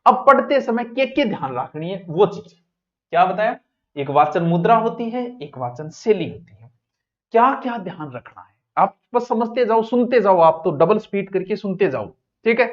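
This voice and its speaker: A man teaching an exam coaching class in a lively, joking way, often moving between loud and soft speech. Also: high voice, moderate pace, highs cut off.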